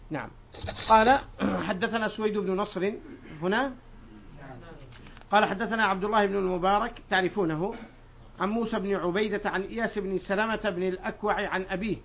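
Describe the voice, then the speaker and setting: A man teaching as a sheikh, reading narrations aloud in a raised voice, then explaining them to his students in a lower conversational tone and putting questions to them. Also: steady tone, brisk. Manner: digressive, asks the students questions. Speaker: sheikh teaching a hadith book. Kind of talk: classroom lesson reading and explaining texts. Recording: dull lo-fi lecture recording.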